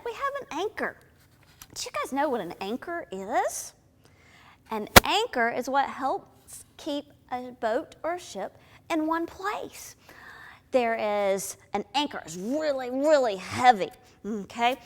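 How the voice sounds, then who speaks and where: A woman's voice: high voice, long reverb tail. A woman leading a children's Bible school craft time, upbeat and playful as she talks to the kids. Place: church room.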